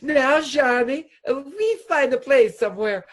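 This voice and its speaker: A woman plays a nervous, crooked doctor in a radio stage comedy, using a high voice and broken English. Anxious and expressive, she speaks slowly, hesitantly and placatingly, like a tipsy henchman trying to calm his boss.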